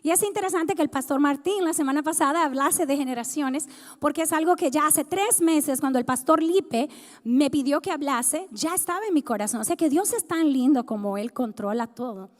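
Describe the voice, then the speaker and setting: A Dominican woman in her thirties, guest speaking in a church sanctuary, shares her personal testimony conversationally and asks the congregation questions. She speaks high at a moderate pace, with long hall reverb.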